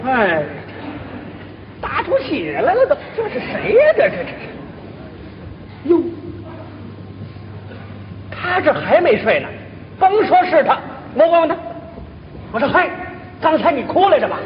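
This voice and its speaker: A man's voice: very high-pitched, wildly swooping pitch, unhurried, pauses often, a faint crowd, slight background noise, full character voice. A man playing a fussy, put-upon comic steward in traditional opera stage comedy, fussing and exclaiming. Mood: indignant. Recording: lo-fi live stage recording in hall.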